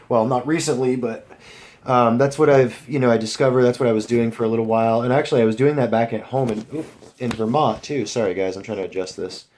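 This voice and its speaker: A man's voice: medium pitch, a little mellow. A young man rambling casually to his viewers, full of fillers and restarts. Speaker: vlogger. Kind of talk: rambling casual vlog chat.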